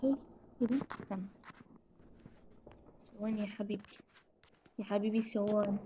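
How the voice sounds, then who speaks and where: A woman with an Egyptian Arabic accent hosting a horror game let's-play, excitable and jumpy as she talks through her fright. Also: mid-range voice, brisk, a little hiss or hum. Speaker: gaming channel host.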